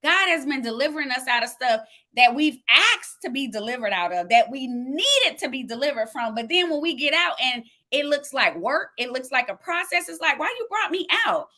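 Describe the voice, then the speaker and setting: A woman's voice: high-pitched, expressive, normal speed, hardly any pauses, sharp tone. A woman preaching a live-streamed sermon, fervent and preacherly, answering viewers' comments aloud as she teaches. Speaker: minister sharing a word.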